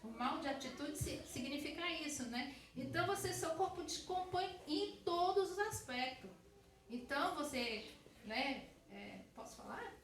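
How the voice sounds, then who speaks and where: A woman missionary with a Brazilian Portuguese accent gives a testimony sermon in a church hall, talking conversationally and addressing the congregation directly. Her high-pitched voice is expressive, a little slow and fairly bright. The distant mic makes the hall sound echoey, and there's a little hiss or hum.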